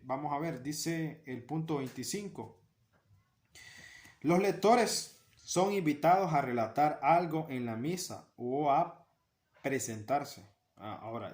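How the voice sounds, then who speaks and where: A man's voice: mid-range voice, reverberant. A man giving an earnest talk on liturgy, repeating key phrases for emphasis. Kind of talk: spoken catechesis talk.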